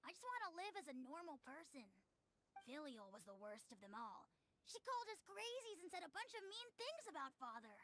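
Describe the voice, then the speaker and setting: Lady doing a tattletale game kid, super high voice, bounces around a lot. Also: big pitch swings, a little fast, fairly bright tone, heavily acted. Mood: scheming. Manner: cool, tattling, matter-of-fact. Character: scheming young boy informant.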